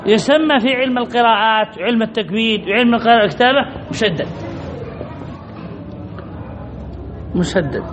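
A man's voice: very high-pitched, rapid-fire, a crowd in the background, noisy background. A man teaching word patterns to a class, repeating key points and answering his own questions. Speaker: Arabic grammar teacher.

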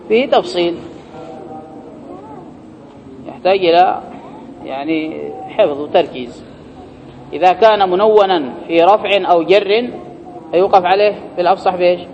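High-voiced male grammar teacher, lecture-hall reverb, dull lo-fi sound. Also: darkish tone, slight background noise. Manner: reads the text aloud, then explains it and quizzes students. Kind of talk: classroom lecture reading and explaining a text.

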